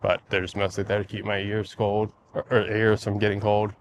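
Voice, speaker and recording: A man with a fairly low voice chats casually while out walking, recording a vlog. His delivery is flat and musing, with halting phrases. Faint outdoor noise sits behind him. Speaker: vlogger. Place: outdoors, walking by lakes in a neighborhood before sunrise.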